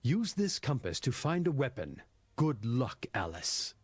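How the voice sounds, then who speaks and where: Lively, theatrical storybook guide. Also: male voice, medium pitch, measured pace, breathy edge, soft background music. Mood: solemn guiding. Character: Humpty Dumpty, male storybook guide addressing Alice. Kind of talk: scripted game character dialogue and narration.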